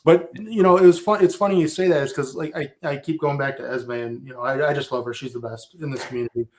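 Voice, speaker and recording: A man's voice: mid-range voice, quick pace. A man in his forties with a Midwestern accent, an author guest talking in a rambling, eager way in casual podcast chat. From Illinois. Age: 40s. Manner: rambling, eager, many fillers.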